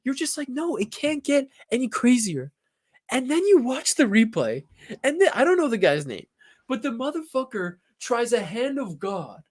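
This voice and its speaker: A young man in casual, excited talk about a football match, acting out his reactions and swearing freely. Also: very high-pitched, moderate pace, dry recording, clean studio sound. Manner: animated, swears, acts out reactions.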